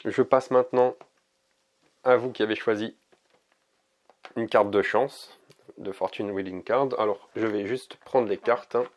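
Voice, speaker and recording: A man giving a casual oracle card reading to camera, hesitant and gentle, with many fillers and restarts. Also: lowish voice, steady tone, a little slow, long pauses.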